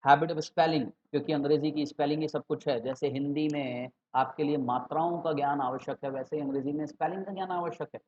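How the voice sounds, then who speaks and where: Teacher with a lilt. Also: male voice, a little high, darkish tone. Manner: mixes English and Hindi, slows for key terms; rhetorical questions to students. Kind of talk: exam-prep lecture. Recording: dull lo-fi sound.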